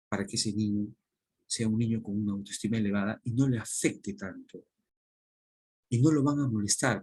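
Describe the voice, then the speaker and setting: A man's voice: lowish voice, a little mellow, breathy edge. A man, a teacher giving earnest parenting advice in an informal talk, repeating himself and asking rhetorical questions.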